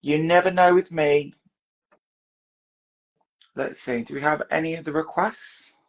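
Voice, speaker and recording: A woman from the UK hosting a casual live stream from her dressing room, chatty and laughing while sorting out tech, with a hoarse voice. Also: low voice, steady tone, measured pace, muffled recording. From United Kingdom. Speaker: podcast host.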